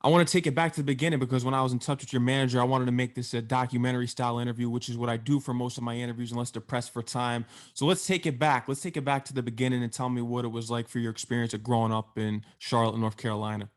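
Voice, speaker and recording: A man's voice: medium pitch, fairly even intonation, racing, few pauses. Upbeat male interview host. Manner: enthusiastic, complimentary. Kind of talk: interview questions.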